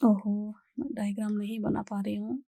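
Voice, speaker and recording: A woman's voice: medium pitch, flat delivery, creaky, mellow, no room sound, clean studio sound. A young woman with an Indian accent teaching biology in a recorded exam-prep lecture, explaining step by step and often checking in with her students. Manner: explains slowly, reads English lines out deliberately, checks in with "ठीक है".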